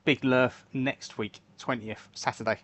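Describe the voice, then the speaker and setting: A man's voice: medium pitch, fairly even intonation, a little slow, a bit bright. A man hosting a live stream, chatting casually and answering viewer comments while he makes fishing lures. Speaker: livestream host making fishing lures.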